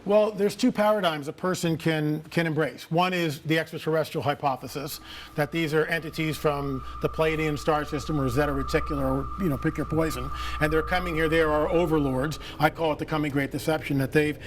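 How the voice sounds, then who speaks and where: A man's voice: fairly high pitch, fairly even intonation, fairly quick, noisy background. A man speaking as a guest on a TV interview, telling stories with confident, emphatic statements. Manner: confident storytelling, emphatic, declarative.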